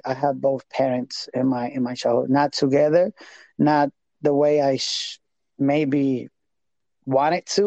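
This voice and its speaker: A man in his thirties from Puerto Rico, an evangelist minister speaking English with a Puerto Rican Spanish accent, talking haltingly and repeating words as he searches for them in a casual interview. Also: fairly high pitch, warm tone, no echo. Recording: dull lo-fi sound.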